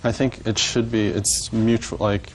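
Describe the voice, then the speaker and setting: Male defendant testifying, lowish pitch, hesitant delivery, some room noise behind him. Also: little pitch movement, measured pace. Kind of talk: courtroom testimony.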